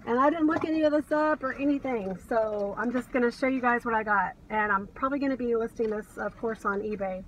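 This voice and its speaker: Here a middle-aged American woman, a reseller vlogger, chats enthusiastically to camera from her car while showing thrift finds, her voice a little high and a little fast with hardly any pauses. It's recorded on a distant mic inside the car cabin, with background noise.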